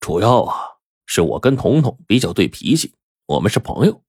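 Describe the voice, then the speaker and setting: Man doing a husky boss type, wide swings, dry close recording. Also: lowish voice, sing-song, normal speed, darkish tone, dry recording. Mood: genial. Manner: smooth then roaring. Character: gruff rich gang boss, hot-tempered but kind.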